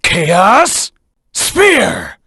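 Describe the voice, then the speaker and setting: A man voicing a brooding, proud hedgehog antihero in a video game, grim and terse, with a low husky rasp. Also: wildly swooping pitch, drawn-out words, pushed and bright, no echo, studio quality, heavily acted. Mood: battle cries. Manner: grim, terse, self-serious. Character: brooding, proud anthropomorphic hedgehog antihero, the ultimate life form. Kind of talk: video game character voice lines.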